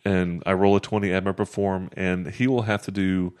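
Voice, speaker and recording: A man with a low, deep voice plays his turn in a tabletop game. He is easygoing and works through his moves out loud as he talks them over. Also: little pitch movement, normal speed, smooth. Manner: easygoing, thinks aloud. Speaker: player. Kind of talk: casual tabletop play.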